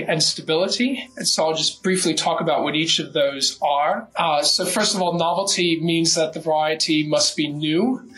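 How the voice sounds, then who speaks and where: A man's voice: a little high, bright, forceful tone, poor audio. A man giving careful, methodical explanations as a guest in a podcast interview, with frequent "uh" fillers. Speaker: guest legal researcher.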